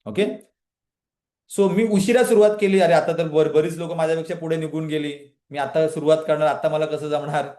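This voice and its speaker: Man, motivational trainer, live online class, higher voice, roomy echo. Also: a little fast. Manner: energetic motivational talk, questioning the audience, often addressing a live chat. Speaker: trainer leading a women's empowerment session. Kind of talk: live online coaching session.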